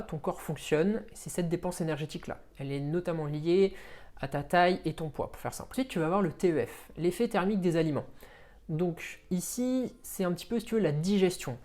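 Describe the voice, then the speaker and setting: A man's voice: fairly high pitch, a little mellow. A man, a fitness coach, explaining things in an informal way, talking straight to the viewer while he walks. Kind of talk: casual explainer video.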